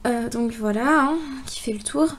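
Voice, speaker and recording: Young woman, high voice, casual chatty walkthrough of her craft project, lots of euh and little laughs. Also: moderate pace. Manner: chatty, many fillers and giggles. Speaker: hobby crafter presenting a contest entry. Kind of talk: casual video presentation.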